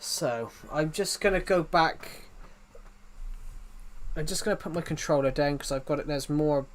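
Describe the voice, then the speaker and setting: Here a young UK man with a heavy regional accent streams a game and talks casually at a moderate pace, his voice pitched fairly high. Rambling and frequently starting over, he also reads chat aloud.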